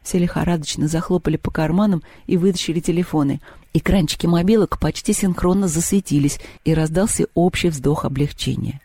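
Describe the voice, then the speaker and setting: A man's voice: on the high side, a little fast, dark tone, husky, no echo. A man reading an audiobook as narrator, telling the story expressively and acting out the characters. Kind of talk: scripted narration.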